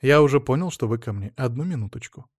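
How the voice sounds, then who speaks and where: A man reading an audiobook voices a polite, tired middle-aged father who speaks softly and resignedly. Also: medium pitch, expressive, quick pace, no echo, clean studio sound.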